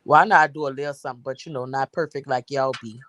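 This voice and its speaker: A woman's voice: rumbling low, steady tone, quick pace, a bit bright, dry recording. A woman in her forties, chatting casually on a live stream, rambling and repeating herself with frequent laughs. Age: 40s. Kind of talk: casual chat.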